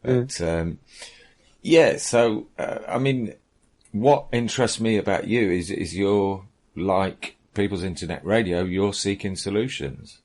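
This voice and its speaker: A male host with a very low voice chats with a guest on internet radio. His talk is loose and conversational. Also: unhurried, a little mellow.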